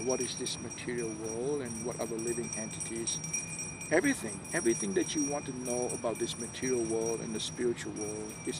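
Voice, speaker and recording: A man from Malaysia, an interview guest, telling his story earnestly with many pauses. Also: medium pitch. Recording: loud background noise outdoors.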